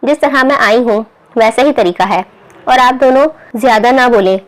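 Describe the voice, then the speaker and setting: A woman's voice: fairly high pitch, moderate pace, close to an everyday voice. A woman voicing a chatty, cheeky young woman in an audiobook novel. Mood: pleading, sassy.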